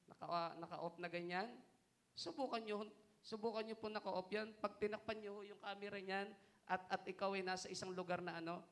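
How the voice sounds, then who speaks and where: A man's voice: high voice, a bit bright. A Filipino man preaching a sermon as pastor, switching between Tagalog and English and reading scripture aloud with emphasis. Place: church.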